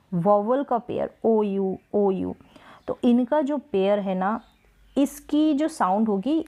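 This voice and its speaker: Mellow-voiced woman teaching spelling. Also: medium pitch. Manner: patient, repeats words slowly for practice. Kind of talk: Hindi-language spelling lesson.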